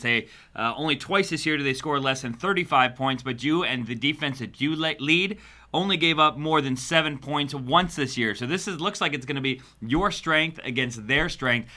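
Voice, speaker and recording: A man's voice: mid-range voice, normal speed, pushed and bright. A man co-hosting a sports talk show, rattling off player stats in an upbeat, punchy way. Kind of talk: studio sports talk with stat rundowns.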